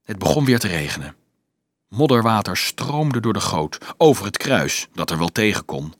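A man reading a novel aloud in a calm, measured narration. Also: fairly low pitch, no echo. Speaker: audiobook narrator. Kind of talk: scripted narration.

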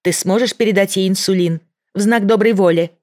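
A tense female federal agent pleads with a bomber in this audiobook character voice, staying controlled and restrained as she keeps her voice steady. The reader sounds natural yet pushed up, medium in pitch and darkish, speaking briskly.

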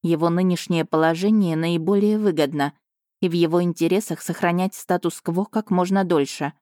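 A woman narrating a first-person romance novel in a steady, expressive reading style. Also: lowish voice, normal speed, no room sound, clean studio sound. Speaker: audiobook narrator.

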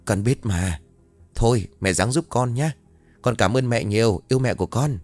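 A man's voice: medium pitch, normal speed, a little mellow, faint music behind, close to an everyday voice. A man voicing a bored young nephew who speaks politely and pleads with his elders. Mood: pleading.

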